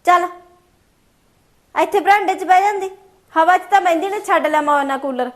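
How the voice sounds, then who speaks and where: A woman playing a nagging daughter-in-law in a family drama, scolding in a sharp-tongued way. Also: very high-pitched, a little fast. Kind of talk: amateur family drama acting.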